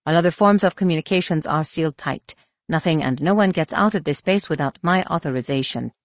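A woman voicing a female alien base commander who talks in a flat, monotone way. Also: low-pitched, a little fast, no room sound, studio quality.

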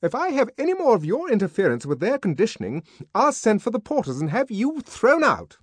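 Guy doing a bossy head nurse lady, high shrill scolding, loud. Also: wildly swooping pitch, a little fast, slightly rough, no echo, heavily acted. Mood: fierce, indignant. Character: stern bossy head nurse, woman, middle-aged.

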